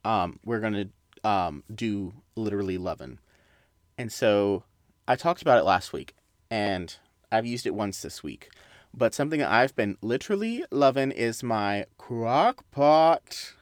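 A man's voice: fairly low pitch, no room sound, studio quality. A young adult man hosting a casual solo podcast, rambling through tangents and side remarks. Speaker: podcast host.

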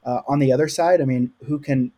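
A podcast guest from the US South, with a light Oklahoma accent, is being interviewed casually. He rambles earnestly at a fairly quick pace, using lots of "like"s, in a mellow, dark tone with flat, even pitch.

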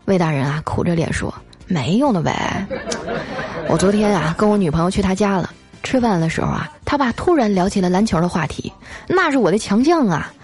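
A woman telling comic anecdotes in a lively, scripted way, stretching out filler sounds between phrases. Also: medium pitch, fast talker, soft background music. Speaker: storyteller host.

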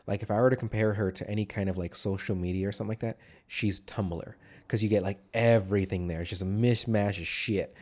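A man's voice: on the low side, darkish tone. A man with a nasal voice chatting casually as the co-host of a movie podcast. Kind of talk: casual movie discussion, swearing.

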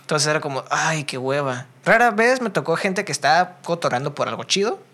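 A young man with a Mexican accent, co-hosting a casual podcast and chatting in a relaxed, slangy way. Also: fairly high pitch, fast talker. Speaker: podcast co-host. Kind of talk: casual chat.

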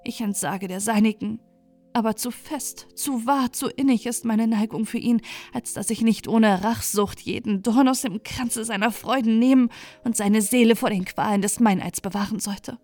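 A proud, lovelorn river nymph speaks fervently in a fairy tale audiobook, as a woman reader puts her on. Her voice sits high and rings out loudly in declamation. Faint music plays behind her. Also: normal speed, natural voice. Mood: impassioned.

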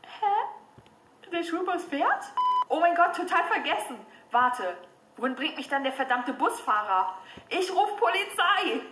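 Perched on a stool at home, this horror chat YouTuber reads out scary chats to her viewers in a high voice that runs a little slow. She gets lively and excitable, letting out squeals and laughs when things turn scary, in an echoey room with faint noise behind her.

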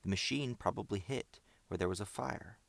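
A man's voice: fairly low pitch, normal speed, gravelly, no echo. A man voicing Bob, a level-headed boy leader. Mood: earnest.

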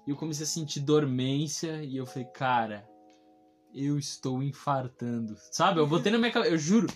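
A man's voice: fairly high pitch, expressive, fast talker, soft background music. Young Brazilian man telling a story. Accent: Brazilian Portuguese. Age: young adult. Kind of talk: casual storytelling.

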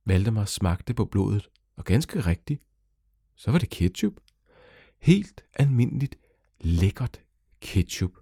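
Male storyteller, lower voice, very animated delivery for a kids' tale. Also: creaky, pauses often, husky, no room sound, studio quality. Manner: lively, animated storytelling with sudden pitch jumps. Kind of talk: children's story narration.

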